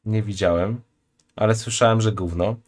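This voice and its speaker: A man's voice: fairly low pitch, fairly even intonation, normal speed. A man in his thirties, streaming from a home room, reacting bluntly and crudely in casual chat and reading donations aloud. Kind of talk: casual live-stream commentary.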